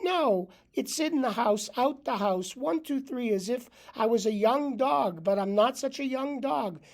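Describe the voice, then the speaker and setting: A man's voice: very high voice, lively intonation, unhurried, voice pushed up, full character voice. A man voicing a grumpy old male talking dog who complains nonstop, sprinkling in Yiddish words. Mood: aggrieved.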